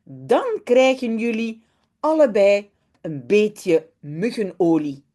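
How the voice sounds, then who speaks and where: A woman voicing a kindly aunt who puts two small children to bed, in a gently bossy, sing-song manner. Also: mid-range voice, big pitch swings, takes it slowly. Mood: fond, bossy.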